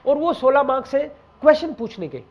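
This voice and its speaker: A man's voice: extremely high pitch, sing-song, quick pace. A man teaching a German exam class in a casual explaining style, talking straight to his students and dropping in German example sentences. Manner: mixes Hindi with German example phrases, addresses students directly.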